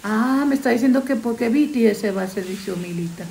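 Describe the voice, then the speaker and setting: A woman's voice: on the high side, brisk, gravelly. A woman, chatting casually to fans on her phone at home, rambling and talking to her dog between news. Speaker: fan news vlogger. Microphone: phone camera. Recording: echoey room, faint noise.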